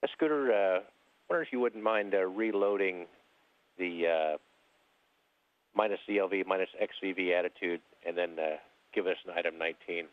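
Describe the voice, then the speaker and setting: A man speaking as a mission control capcom over a space-to-ground radio link, relaxed and polite with precise number calls. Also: low-pitched, moderate pace, no room sound. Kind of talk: terse air-to-ground radio exchange. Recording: narrow dry radio loop.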